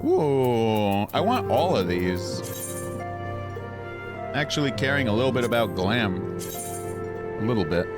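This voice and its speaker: A man's voice: medium pitch, sing-song, takes it slowly, pauses often. A man chatting playfully and casually with viewers as he comments on his gameplay. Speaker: game streamer. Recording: game music behind the voice.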